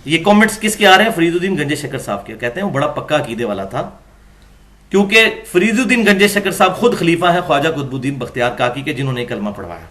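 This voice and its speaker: Giving a religious lecture, a man with a slightly high, fairly bright voice and big pitch swings reads from books. His delivery is argumentative, rising to emphatic peaks.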